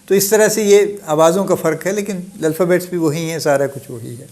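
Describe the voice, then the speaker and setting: A middle-aged man hosting a solo talk, speaking in a relaxed, conversational lecture style and dropping in English phrases. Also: fairly high pitch. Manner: conversational, mixes English phrases, soft chuckles, restarts. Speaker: host giving a solo talk.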